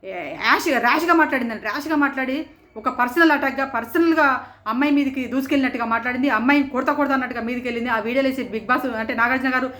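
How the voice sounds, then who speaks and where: A woman's voice: sits high, very fast, fairly bright tone. A woman giving casual, opinionated commentary as a show reviewer, indignant and repeating phrases for emphasis.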